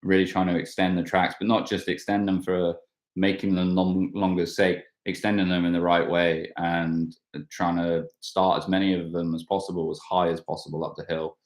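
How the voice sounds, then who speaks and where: A man's voice: low-pitched, flat delivery, normal speed. A man in his thirties, a mountain bike racer, chatting casually on a live stream and rambling with many fillers and restarts. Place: at home, washing outside in the rain. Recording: roomy echo.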